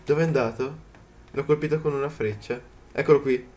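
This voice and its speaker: A man giving casual commentary as he plays a video game, chatty and quick to yelp in surprise. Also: mid-range voice, steady tone, a little mellow. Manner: chatty, jumps to startled yelps at the game. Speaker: gaming channel host. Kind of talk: let's play commentary.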